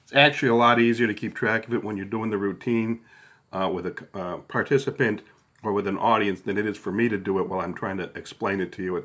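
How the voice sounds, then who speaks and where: A middle-aged man with a fairly low voice gives informal step-by-step instructions. He sounds conversational and unscripted, often checking that the listener follows as he demonstrates. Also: fairly bright tone. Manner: casual, conversational, often checks in with "okay" and "all right". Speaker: card trick instructor.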